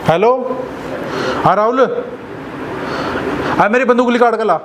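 A man's voice: high-pitched, a little slow, background noise. A man playing an angry boss in a staged office prank, scolding and threatening in a bossy way.

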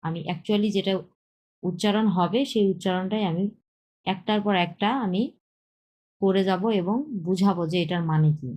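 A woman teaches a beginner Chinese lesson, repeating words slowly and mixing in English terms. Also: medium pitch, fairly even intonation, mellow, a little hiss or hum, rough recording. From Bangladesh. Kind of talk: slow explanatory lesson with drilled pronunciation.

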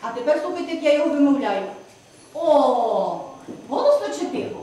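Female kindergarten teacher from Ukraine, coaxing and animated, distant mic in a reverberant room with background noise. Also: high voice. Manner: lively, coaxing, slow and drawn out when demonstrating. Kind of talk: classroom lesson with small children. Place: kindergarten classroom. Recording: echoey classroom from far off, noisy.

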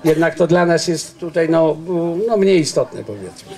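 Older man lecturing, high-pitched voice. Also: very animated, moderate pace, a little mellow. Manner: earnest, digressive explaining with frequent restarts. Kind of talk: informal public lecture. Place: outdoors under a garden tent. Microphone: handheld microphone.

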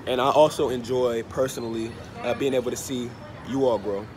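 A stuffy-nosed man in his thirties, clearly under the weather, chats unhurriedly to his phone held at arm's length, repeating phrases as a travel vlogger. His mid-range voice stays fairly even. He's in an open-fronted hostel bar or cafe, where a crowd, traffic, and street and vehicle noise fill the open-air background.

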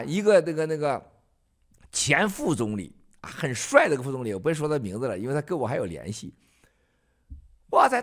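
A man hosting a political livestream, ranting and mocking with emphatic delivery. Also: on the high side. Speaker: livestream host.

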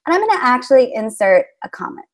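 A woman with a slightly higher voice presents to other teachers over a video call. She explains her classroom methods in a friendly, loose way, full of ums and little restarts. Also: very animated, fast. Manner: friendly, explanatory, many fillers, acts out classroom exchanges. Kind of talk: conference presentation with screen share.

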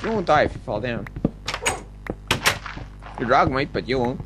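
A man's voice: mid-range voice, expressive, moderate pace, music in the background. A man chatting while playing a game with friends, blunt and curt in his retorts. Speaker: game player. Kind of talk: casual gaming chat.

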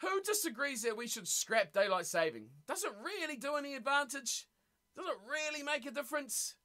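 Casual New Zealand male streamer, lively up-and-down delivery, joking with chat. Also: very high-pitched, brisk. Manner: chatty, teasing, laughs often. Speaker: streamer hosting a rugby watch party. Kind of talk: casual live-stream chat, reading chat aloud.

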